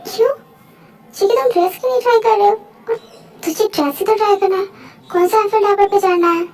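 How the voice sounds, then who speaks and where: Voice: extremely high pitch, fast talker, darkish tone, voice pushed up. A dubber voicing a caring young man, an older brother, in a fan dub. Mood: firm.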